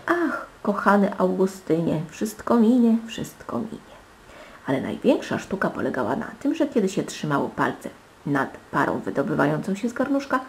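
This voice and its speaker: Woman reading a fairy tale, lively and gravelly. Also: low voice, slight background noise. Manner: dramatic, animated storytelling with soft hushed asides. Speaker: storybook reader.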